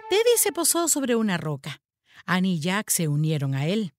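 A woman's voice: lowish voice, huge pitch swings, moderate pace, no echo, studio quality, faint music behind. A woman storyteller reading a children's story aloud in a dramatic, sing-song way.

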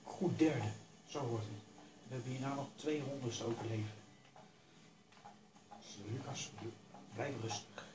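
A man giving casual commentary over his own racing game, talking to himself and urging himself to stay calm. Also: medium pitch, measured pace, pauses often, roomy sound, noisy background. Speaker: gaming YouTuber.

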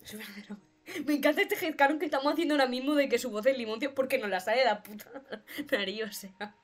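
A woman with an accent from Spain, co-hosting a podcast in casual chat, expressive and playful and laughing often. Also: high-pitched, fast. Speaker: podcast co-host.

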